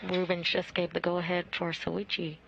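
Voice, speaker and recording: A commentator with a creaky voice explaining a live event in clear broadcast style. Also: medium pitch, completely flat delivery, moderate pace, pushed and bright, lo-fi sound. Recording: slightly band-limited broadcast audio.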